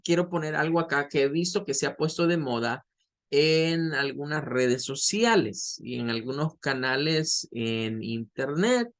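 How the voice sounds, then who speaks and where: Man teaching pronunciation, repeating sounds. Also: medium pitch. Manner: explains slowly, repeats model sounds aloud. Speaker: English teacher. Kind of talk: online pronunciation lesson.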